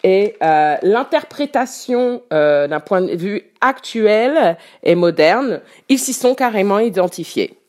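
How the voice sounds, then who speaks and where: Her mid-range voice has a darkish tone and lively intonation, and she takes her time. On her radio music column she casually introduces new German rock, hesitating with many fillers and restarts while laughing easily.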